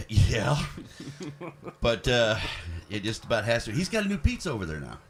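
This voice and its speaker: A man's voice: medium pitch, huge pitch swings, moderate pace, noisy background. Chuckling male radio co-host. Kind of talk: casual radio banter.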